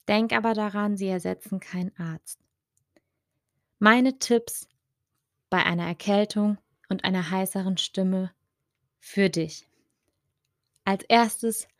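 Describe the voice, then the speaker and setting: A woman speech and voice coach hosting her podcast, giving calm, gentle advice straight to the listener. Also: medium pitch, no room sound, studio quality. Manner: slow, gentle, addresses listener directly.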